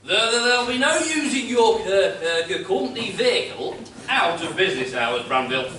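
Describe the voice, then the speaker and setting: Man playing a stammering, high-pitched pantomime shopkeeper. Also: big pitch swings, moderate pace, pushed and bright, heavily acted. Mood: indignant, flustered. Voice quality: heavy stammer. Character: stammering, tight-fisted middle-aged shopkeeper, cheeky flirt. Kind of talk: broad comic amateur pantomime acting. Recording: very echoey hall, far mic, faint noise.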